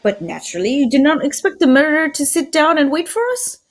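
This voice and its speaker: In an old-time radio mystery style, a woman plays a shrewd, courteous Belgian male detective, using an affected Belgian French accent. Her voice is high and sing-song, her delivery formal, deliberate and measured.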